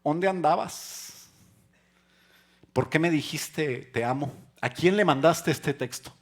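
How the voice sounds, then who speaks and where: A woman's voice: low-pitched, takes it slowly, husky, voice pushed up, full character voice. A male preacher voicing an angry, suspicious wife who fires off accusing questions in a raised voice.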